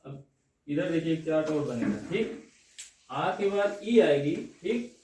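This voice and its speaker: Male teacher, high voice, quizzing students; distant, roomy classroom recording. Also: lively intonation, measured pace, mellow. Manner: checks understanding with repeated "theek hai na?". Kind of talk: classroom lecture on Hindi grammar. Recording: echoey room, distant mic.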